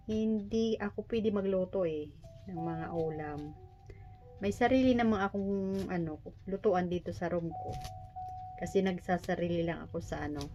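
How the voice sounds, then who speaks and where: A woman's voice: fairly low pitch, dark tone. A Filipino woman in her forties with missing front teeth chats casually and jokingly to viewers while preparing food, poking fun at herself. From Philippines. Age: 40s. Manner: jokey, self-deprecating. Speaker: vlogger. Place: small private room.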